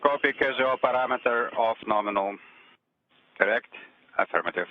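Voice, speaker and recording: A man's voice: medium pitch, normal speed, dry recording. A man giving terse, clipped status reports as a mission control communicator over a breaking-up space radio link. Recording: tinny radio comms channel.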